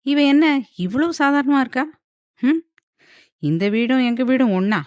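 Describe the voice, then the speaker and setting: A woman's voice: high-pitched, animated, unhurried, a little mellow, no room sound, clean studio sound, pitched above the performer's own voice. A woman voicing an amazed young husband who talks in astonished exclamations.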